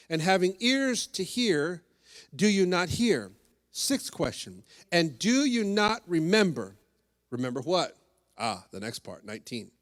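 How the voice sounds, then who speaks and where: A man preaching a sermon as pastor. He talks in an animated way, acts out the voices of the disciples and keeps checking in with "right?" and "okay?". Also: sits high. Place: church sanctuary. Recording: long hall reverb.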